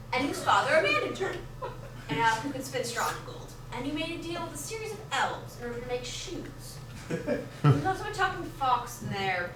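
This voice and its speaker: A teenage girl narrating a student stage comedy in a brisk, mock-grand storytelling manner, recorded from far back in an echoey school theatre. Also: sits high, noisy background. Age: teens. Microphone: far camera in audience.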